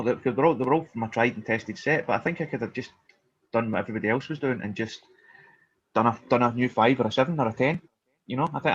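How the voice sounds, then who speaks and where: A man's voice: medium pitch, breathy edge, dull audio. A male stand-up comedian chatting casually in a hesitant, rambling, self-deprecating way. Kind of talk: casual chat.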